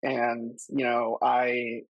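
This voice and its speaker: A young woman co-host speaks slowly and unhurriedly in a relaxed podcast chat. Her voice is gravelly with some fry. The recording is close and dry. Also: a bass voice, no echo, highs cut off.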